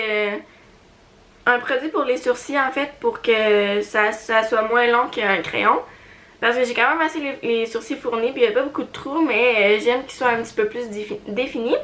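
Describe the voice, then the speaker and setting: In a casual beauty haul video, a young vlogger with a Quebec French accent chats hesitantly, using many fillers and letting out little giggles. Her voice is fairly high and a bit bright.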